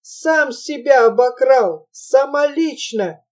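A woman's voice: high voice, expressive, slow. Woman voicing a despairing merchant father. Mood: grieving. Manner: lamenting, exclaiming. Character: desperate grieving merchant father, middle-aged man.

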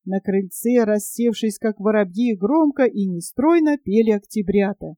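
A woman narrating a children's story in an expressive, measured audiobook reading. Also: mid-range voice, dry recording.

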